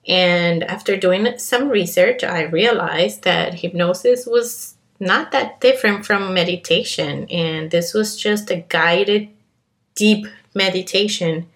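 Her voice is fairly low, slow, and fairly bright: a woman from Colombia in her thirties, hosting a podcast with a Colombian accent. She narrates her own story in an earnest, confiding monologue full of fillers and restarts, captured on a podcast mic.

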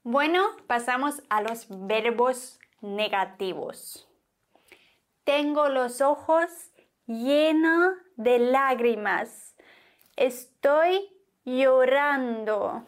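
Slow, deliberate woman teaching Spanish words. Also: fairly high pitch. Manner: slow, deliberate, repeating each word. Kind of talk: slow, clearly spoken vocabulary lesson.

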